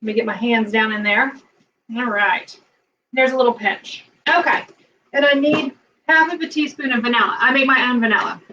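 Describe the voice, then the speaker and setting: A chatty woman talks through a recipe in her home kitchen, rambling and full of fillers. Her voice sits a little high. She stands back from the mic, and the sound is slightly dull and lo-fi, with faint noise behind her. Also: recorded from a distance. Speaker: cooking vlogger. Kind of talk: casual cooking demo.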